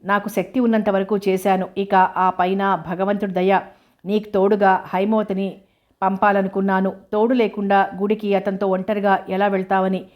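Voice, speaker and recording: Lady reading as a worried mom, fussy and pleading, flat even delivery, novel read aloud. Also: medium pitch, moderate pace, close to an everyday voice. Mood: anxious pleading. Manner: pleading, scolding. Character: worried widowed mother, anxious, fussing.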